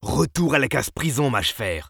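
A man voicing a nervous prison director who barks strained, shouted orders. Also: mid-range voice, very animated, moderate pace, vocal fry, slightly rough, no room sound, clean studio sound, voice pushed up, full character voice. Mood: commanding. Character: nervous middle-aged prison director with a revolver.

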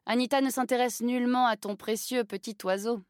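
A woman's voice: a little high, steady tone, a little fast, darkish tone, clean tone, no echo, clean studio sound, close to an everyday voice. A woman reading an audiobook and voicing a cold, commanding aristocratic countess who speaks in a stern, clipped way.

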